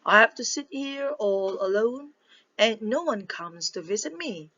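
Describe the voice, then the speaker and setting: A woman voicing a caring mother duck who is gentle but stern, reading haltingly from slides. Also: medium pitch, animated, lo-fi sound. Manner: read aloud from slides, halting.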